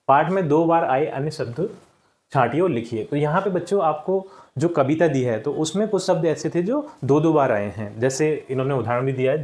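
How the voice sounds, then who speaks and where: A man's voice: fairly high pitch, a little mellow. A male teacher patiently walking children through worksheet answers, often repeating words and checking in with "ठीक".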